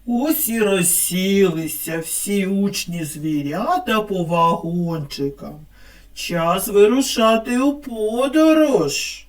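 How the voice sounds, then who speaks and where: A woman speech therapist narrating a scripted children's lesson in an expressive teacher's tone. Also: medium pitch, recorded from a distance. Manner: slow, lively, expressive teacher tone.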